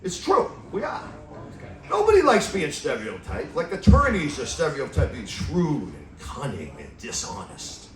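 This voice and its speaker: A middle-aged man performing a stand-up comedy set on a club stage, delivering deadpan one-liners and chuckling at his own jokes. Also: a little high, a little slow. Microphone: stand mic away from mouth. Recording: roomy club sound from a distance.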